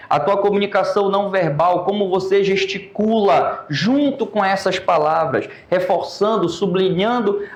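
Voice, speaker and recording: A Brazilian man teaching an oratory class, lecturing lively and calling on students by name. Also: on the high side, echoey room. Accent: Brazilian Portuguese.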